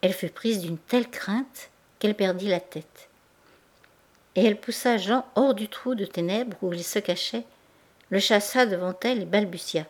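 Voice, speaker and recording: A woman reading a classic novel aloud in a measured, expressive way. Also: medium pitch. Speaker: audiobook reader.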